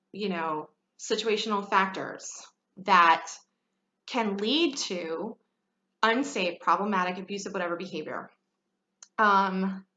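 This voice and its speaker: A woman's voice: mid-range voice, bright, forceful tone. A woman in her thirties talking frankly about her own life, chatty and full of fillers. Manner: chatty and frank, many fillers, laughs often. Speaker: podcast host. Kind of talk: candid personal talk. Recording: echoey room, slightly dull sound.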